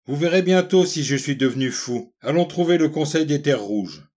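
A man's voice: a little high, animated, normal speed, a little mellow. Targ, a man reading as a fervent young watchman. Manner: vehement and sincere.

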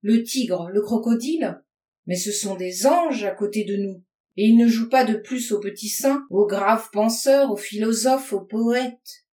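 Une femme lisant à voix haute prête sa voix à un jeune homme furieux et amer, dont la tirade méprisante est lancée en criant. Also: female voice, sits high, slow pace, pitched above the performer's own voice. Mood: méprisant. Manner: shouting, scornful tirade. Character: furious, bitter young man raging against mankind. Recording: roomy sound from a distance.

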